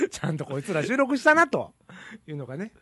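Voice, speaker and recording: A man with a Kansai accent co-hosting a radio show in casual chat, excitable and often laughing, echoing his partner. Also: high voice, moderate pace, breathy edge, studio quality.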